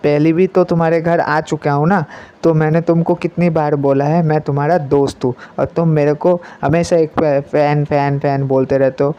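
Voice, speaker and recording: A man's voice: on the high side, flat delivery, moderate pace, dark tone, smooth, dull audio, natural voice. A man voicing a young female celebrity who insistently scolds her friend. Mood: scolding.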